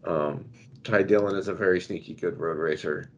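A man co-hosting a podcast, chatting casually and quickly about fantasy racing picks, laughing easily. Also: deep voice, lo-fi sound, a little hiss or hum. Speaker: podcast co-host. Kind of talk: casual sports betting chat.

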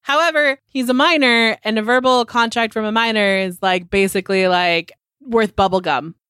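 A woman's voice: on the high side, moderate pace, clean tone, no echo, studio quality. A woman podcast co-host with a nasal voice, stuffed up from a cold, chatting casually and telling stories with plenty of swearing. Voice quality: nasal, congested. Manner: sweary, animated storytelling with frequent chuckles. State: getting over a cold. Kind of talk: casual chat.

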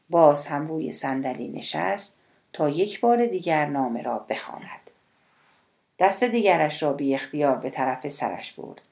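A woman narrating an audiobook in a measured, even storytelling manner. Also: sits low, creaky. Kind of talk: scripted narration.

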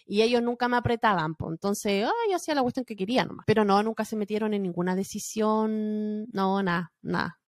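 Animated Chilean woman, dry close sound. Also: medium pitch, a little fast, few pauses, no room sound. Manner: animated, laughs and acts out voices. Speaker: podcast co-host. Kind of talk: casual chat.

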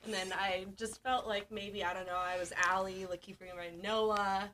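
A woman's voice: medium pitch, level tone, normal speed, fairly bright tone, poor audio. A young woman in casual chat, giggly and rambling through night-out stories with plenty of filler words. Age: young adult.

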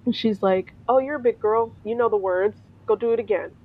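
Woman storyteller, lively, acts out quotes; breathy tone, dull recording. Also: a little high, fairly quick. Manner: animated, acts out quoted voices, laughs often. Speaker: storyteller, veterinary technician. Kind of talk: casual spoken storytelling.

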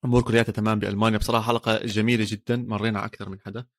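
Fast-talking Levantine Arabic man, podcast co-host. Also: on the low side, level tone. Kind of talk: casual sports chat.

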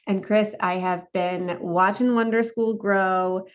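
A woman's voice: mid-range voice, steady tone, slow pace. A woman in her thirties hosting a podcast, upbeat and chatty in casual interview talk. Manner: upbeat, chatty, says y'all and rad. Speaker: podcast host.

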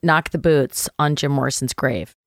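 Animated woman telling a funny story. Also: moderate pace, no room sound, studio quality. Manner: animated, jumps high when acting out others' lines. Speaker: guest. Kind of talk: casual storytelling anecdote.

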